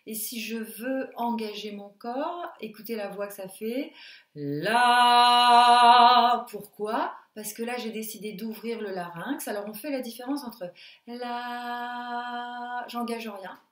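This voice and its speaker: A woman with a slightly high voice teaches a singing lesson in an echoey room. Slow and calm, she coaches breathing and relaxation and demonstrates sung sounds.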